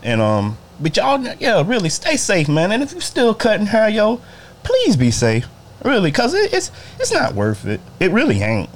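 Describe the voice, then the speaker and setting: A man's voice: huge pitch swings, normal speed. A man who cuts hair talks casually and bluntly to viewers on a livestream, cursing freely and greeting them by name. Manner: profane, blunt, talks to viewers directly, swings between loud and low. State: bothered by allergies. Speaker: barber livestreaming to followers.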